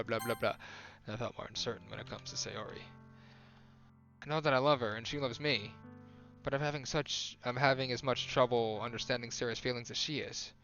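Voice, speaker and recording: A man's voice: medium pitch, a bit bright. A young man on a live stream reading a visual novel aloud, casual and self-correcting, who rereads lines to get the emphasis right.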